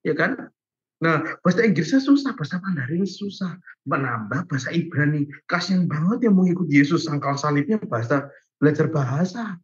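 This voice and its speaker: A young man teaches a Bible class over a video call, his voice set a little high and somewhat husky. He talks in a loose, chatty way, circling back on his points with plenty of fillers. The call audio comes through muffled. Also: expressive, brisk. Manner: chatty and informal, many fillers like "gitu" and "guys", laughs often. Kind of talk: casual online Bible lesson.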